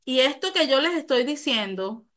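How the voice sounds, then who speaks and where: A woman's voice: high-pitched, expressive, normal speed, fairly bright tone. A woman with a Venezuelan accent giving a live online talk, explaining patiently, repeating key phrases and asking her audience questions.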